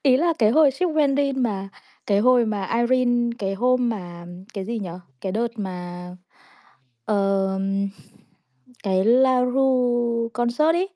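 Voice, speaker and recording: A woman's voice: on the high side, unhurried, warm tone, no room sound, studio quality. A woman, chatting casually in a crude, self-mocking, rambling way full of restarts. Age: 30s. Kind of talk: casual chat.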